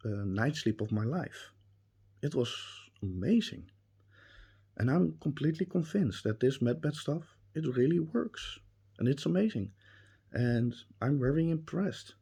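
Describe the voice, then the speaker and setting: A native Dutch speaker with a Dutch accent gives a spoken testimonial as a reviewer, hesitant and full of pauses and restarts. His mid-range voice is mellow and husky, and he sounds earnest and emphatic.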